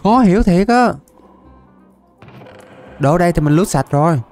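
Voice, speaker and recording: A man's voice: sits high, expressive, a little slow, a little mellow, faint music behind. Chatty young man narrating a game. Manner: chatty, laughs often, repeats words in bursts. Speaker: gaming YouTuber. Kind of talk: casual Minecraft let's-play commentary.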